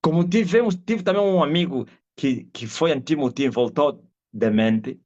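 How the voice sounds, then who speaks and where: A middle-aged man with an Angolan Portuguese accent, an apostle giving an animated testimony sermon over a live video call. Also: on the high side, normal speed. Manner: animated storyteller, acts out quoted voices and shouts. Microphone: video call audio. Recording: dull lo-fi video call audio.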